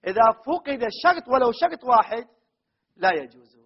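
A man's voice: very high-pitched, sing-song, moderate pace, breathy edge. A man teaching grammar in a classroom lecture, repeating key terms and asking the class questions he then answers himself. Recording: dull lo-fi recording.

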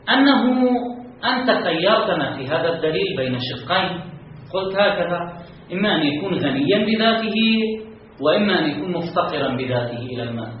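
A man's voice: fairly high pitch, a little hiss or hum. Man lecturing in an echoing room. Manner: reasons aloud with rhetorical questions, stressing key terms. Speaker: teacher of Islamic philosophy. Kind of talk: classroom lecture explaining a text. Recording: echoey, distant, muffled room recording.

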